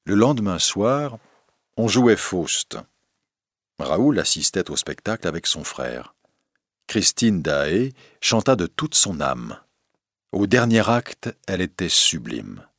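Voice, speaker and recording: A man reads a story with a measured, dramatic rhythm, his voice sitting on the low side. The sound is dry and close, with no room around it. He builds suspense steadily. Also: very animated, fairly bright tone, no echo. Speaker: narrator. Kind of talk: audiobook reading.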